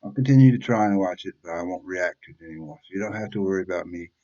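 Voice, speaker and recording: A man's voice: low voice, rapid-fire, mellow, dull audio. A man in his fifties hosting a reaction channel, talking bluntly and rambling in a casual monologue, swearing freely. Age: 50s. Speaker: YouTube reaction channel host.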